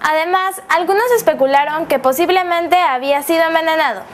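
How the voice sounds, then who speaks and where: A woman's voice: very high voice, a little fast. A female school TV presenter with a Peruvian accent, reading scripted links.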